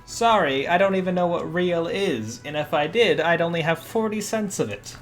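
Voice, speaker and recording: A male streamer talking casually as he plays, reading his dialogue choices aloud in a playful way. His voice sits a little high. Faint music runs behind him. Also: lively intonation, normal speed. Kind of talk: casual game commentary.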